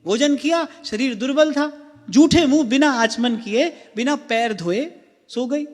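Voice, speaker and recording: A man giving a gentle devotional discourse, often repeating himself and putting questions to his listeners. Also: very high-pitched, measured pace. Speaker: spiritual discourse speaker. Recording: long hall reverb with faint music.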